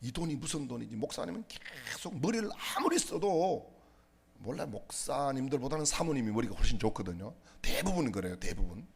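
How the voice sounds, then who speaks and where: A man's voice: medium pitch, sing-song, a little fast, vocal fry, slight background noise. A middle-aged man preaching a humorous sermon in a church, teasing the congregation with jokes and questions. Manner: playful, teasing, asks the audience questions. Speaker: pastor. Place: church sanctuary.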